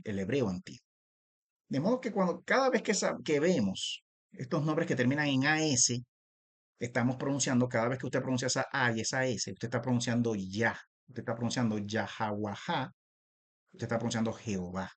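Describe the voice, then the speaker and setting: A man leads a recorded Bible lesson in a mid-pitched voice, talking straight to the listener and calling him brother. He restarts his phrases often, checks in with short tag questions, and slows right down to stretch out each ancient name. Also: slightly rough. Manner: repetitive, addresses listener as "usted" and "hermano"; stretches out transliterated names slowly. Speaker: Bible teacher. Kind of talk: video lesson.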